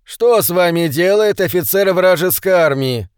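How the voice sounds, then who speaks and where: A man's voice: high-pitched, lively intonation, normal speed, clean tone, no room sound, studio quality, pitched above the performer's own voice. A man reading an audiobook, voicing a militia leader who speaks in rousing, declamatory tones. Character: bald male militia leader, speechifying.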